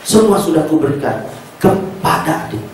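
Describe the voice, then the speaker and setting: A preacher voicing Isaac, an old blind father, speaking low, soft and slow. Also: big pitch swings, slight background noise. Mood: weary. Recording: echoey church hall, distant mic.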